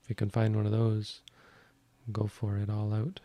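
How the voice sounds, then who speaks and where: Man, Buddhist monk, live Q&A, flat steady delivery, dry close sound, frank and matter-of-fact. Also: on the low side, normal speed, no echo. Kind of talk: live question-and-answer session.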